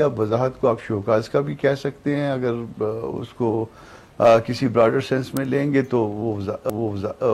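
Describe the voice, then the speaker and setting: A man with a Pakistani Urdu accent speaking as a political guest, calm and hesitant, with frequent fillers. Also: mid-range voice, gravelly, breathy edge. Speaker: political party spokesman guest. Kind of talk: measured political commentary.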